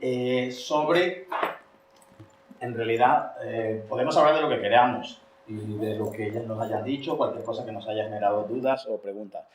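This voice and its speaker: A man's voice: medium pitch, moderate pace, a little hiss or hum. A man moderating a panel debate, speaking hesitantly with many fillers and restarts.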